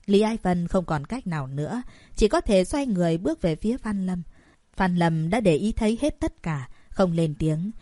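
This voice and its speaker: A woman narrating an audiobook in a steady storytelling manner. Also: fairly low pitch, moderate pace, no echo, studio quality. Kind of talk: scripted narration.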